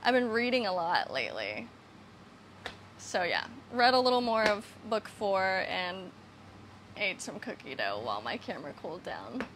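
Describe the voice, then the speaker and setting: A woman's voice: mid-range voice, big pitch swings, normal speed, a bit bright, a little hiss or hum. A young woman vlogging casually about her new camper, rambling, self-mocking and swearing off-handedly. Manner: chatty, self-deprecating, swears casually, laughs often. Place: camper trailer and outdoor land.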